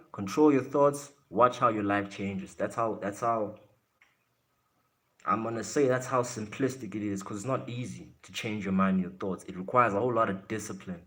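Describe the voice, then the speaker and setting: This South African man has a fairly low voice and talks at a normal speed in a loose, casual livestream chat. Blunt and brash, he swears freely and takes jabs at commenters, aiming his relaxed talk at the chat.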